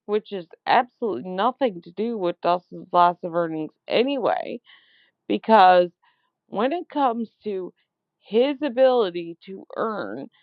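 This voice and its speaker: A woman leaving a long complaint voicemail, speaking in an accusatory, emphatic and halting way, repeating words for stress. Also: fairly high pitch, no echo. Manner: slow, deliberate, halting phrasing. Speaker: caller. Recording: dull lo-fi voicemail phone recording.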